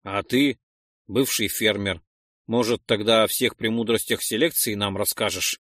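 A man's voice: fairly low pitch, fairly even intonation, measured pace, a bit bright, dry recording, clean studio sound, pitched below the performer's own voice. A man voicing a coarse former farmer who swears and barks at the others. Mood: grumbling. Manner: gruff, swearing, barking. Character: coarse male ex-farmer, foul-mouthed and surly. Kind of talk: audiobook character voice.

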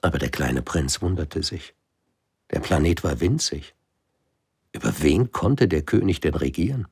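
Slow husky storybook narrator, a man. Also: very deep voice, lively intonation, a little mellow. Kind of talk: audiobook narration.

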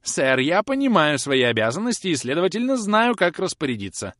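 A man reading an audiobook aloud, voicing a vindictive, croaking old woman housekeeper who screeches her spite. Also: on the high side, sing-song, a little fast, fairly bright tone, dry recording, clean studio sound, voice pushed up. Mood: screeching. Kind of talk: audiobook character voice.

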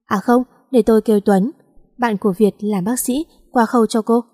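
A woman's voice: on the high side, fairly even intonation, normal speed, mellow, clean studio sound, lightly acted. A woman voicing a bossy, teasing male company director who talks in a curt, mocking way. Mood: gruff. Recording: long echoing reverb.

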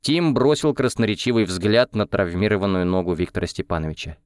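A man narrating an audiobook in an expressive storytelling manner. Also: on the low side, brisk, smooth, no room sound, studio quality.

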